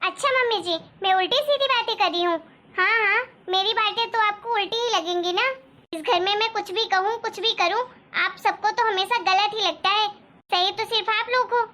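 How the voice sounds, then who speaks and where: A woman's voice: extremely high pitch, normal speed, sharp tone. A woman voicing a resentful young daughter-in-law who complains sarcastically in a cartoon story. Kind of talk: Hindi cartoon story dialogue.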